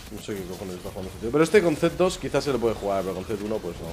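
A man's voice: lowish voice, lively intonation, rapid-fire, background noise. A young man with a Spain Spanish accent giving live commentary while he streams a game, swearing, grumbling and pleading over and over.

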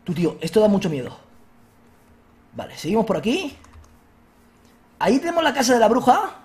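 A man with a Spain Spanish accent hosting a let's-play, excitable, shouting at enemies and joking with viewers. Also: high-pitched, normal speed. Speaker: gaming video host.

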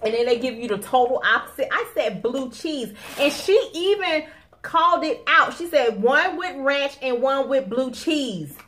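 A woman's voice: sits high, animated, unhurried, a bit bright. A woman in her thirties hosting a casual mukbang, chatting and complaining to viewers at a table at home. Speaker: mukbang host. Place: dining table in a home living room. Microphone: camera across the table. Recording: noisy home room recording.

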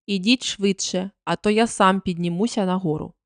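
A woman voicing a stern, cruel husband in a storybook reading, speaking slowly and threateningly in a dry, close recording. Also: medium pitch, clear, resonant tone, no room sound, close to an everyday voice. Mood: impatient, shouting.

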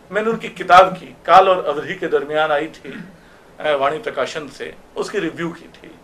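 A man's voice: a little high, fairly bright tone. A man giving a reflective memorial talk to an audience, reminiscing through anecdotes. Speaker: speaker at a memorial meeting. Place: auditorium.

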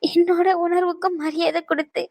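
A woman voicing a young mother in a cartoon who speaks softly and haltingly, full of gratitude. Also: very high-pitched, level tone, vocal fry. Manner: soft, halting, emotional. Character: young mother, grateful and tearful. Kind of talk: cartoon voice acting.

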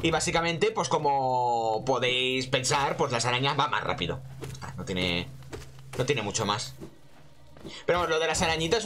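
Animated, sweary Spanish man gaming. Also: mid-range voice, slight background noise. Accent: Spain. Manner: sweary, slangy, rambling. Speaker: gaming host. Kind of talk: casual gameplay commentary.

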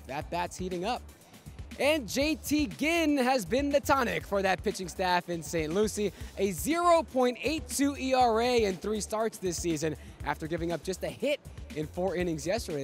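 An energetic young man hosts a pregame baseball show with a bright, high-pitched voice. His scripted delivery is punchy and promotional, and faint music plays underneath him. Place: ballpark concourse and museum.

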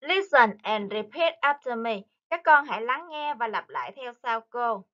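A woman teaching English to young children, speaking slowly and carefully and repeating each word for them to copy. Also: on the high side, animated, fairly bright tone, dull audio. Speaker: primary school English teacher. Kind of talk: online lesson for young children.

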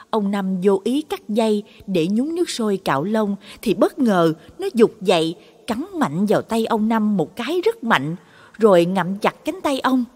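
Brief: female storyteller, dramatic scripted narration, breathy tone, reverberant sound. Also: medium pitch, darkish tone. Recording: long reverb on voice.

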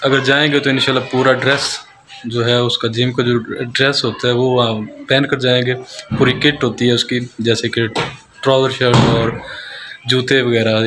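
A man in his thirties chatting casually to his phone held at arm's length, relaxed and hesitant, dropping in pious phrases. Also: medium pitch. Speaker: vlogger. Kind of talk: casual vlog to camera. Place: outdoors at night by a house. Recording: phone recording with noisy street ambience.

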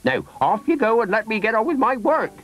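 A man's voice: high-pitched, sing-song, brisk, a bit bright, pitched above the performer's own voice. A man putting on a bossy old gran. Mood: fond. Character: bossy kindly old grandmother, brisk. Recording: faint music behind.

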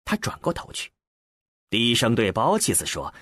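A man narrating an audiobook with an expressive, deliberate storyteller's delivery. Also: mid-range voice, breathy edge, no room sound.

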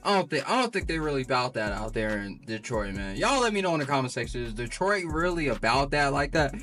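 A man's voice: medium pitch, very animated, fast talker, fairly bright tone, recorded from a distance, faint music behind. A young man giving casual, slangy reaction commentary, incredulous and breaking into shocked laughter. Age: young adult. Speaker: host of prank reaction videos. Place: small indoor room.

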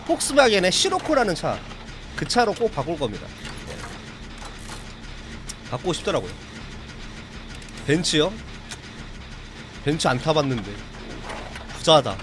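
A man's voice: on the high side, noisy background. A man chatting casually with his viewers while streaming a horror game, reacting to the play and answering chat.

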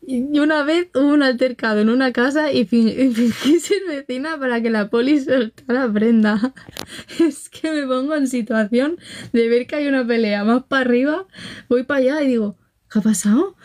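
A young woman from Spain with a Barcelona accent, chatting casually on a phone livestream, telling gossipy stories, laughing often and greeting viewers. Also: sits high. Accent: Spanish from Barcelona. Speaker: livestream host. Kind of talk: casual livestream chat, reading comments.

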